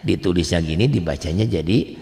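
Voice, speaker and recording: A man teaching the rules of Quran recitation in a casual lesson, asking and answering his own questions and stretching out example words in a slow chant. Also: sits low, animated, creaky, dark tone, in a large hall. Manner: drops into slow drawn-out chanting on example words, quizzes himself aloud.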